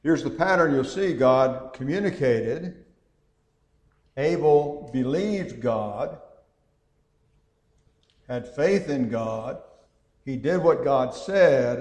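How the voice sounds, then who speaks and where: A man teaching a Bible class in a conversational way, thinking aloud with frequent pauses and reading scripture passages aloud. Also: medium pitch, darkish tone. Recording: echoey hall with long reverb.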